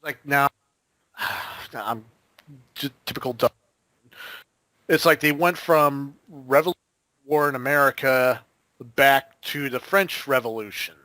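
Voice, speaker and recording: A man's voice: mid-range voice, takes it slowly, long pauses, bright, forceful tone, no room sound. A man co-hosting a casual podcast chat, talking bluntly over a remote mic that keeps cutting in and out. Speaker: podcast co-host.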